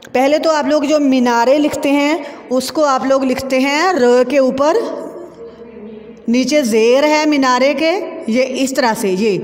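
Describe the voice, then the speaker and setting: A woman's voice: high-pitched, big-room sound. A woman from Pakistan, teaching young pupils and spelling out words syllable by syllable. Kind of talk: online lesson for young pupils.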